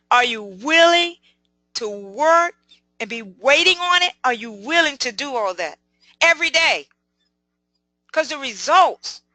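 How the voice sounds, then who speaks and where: A woman's voice: high voice, pushed and bright, no room sound. A woman giving a live motivational talk, speaking emphatically and asking her audience many rhetorical questions.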